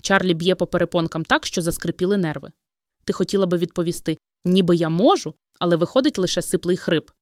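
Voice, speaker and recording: A woman's voice: lowish voice, steady tone, fast, no room sound, clean studio sound. A woman reading a second-person dramatic story aloud in an intimate, dramatic storytelling manner. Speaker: narrator. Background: background music.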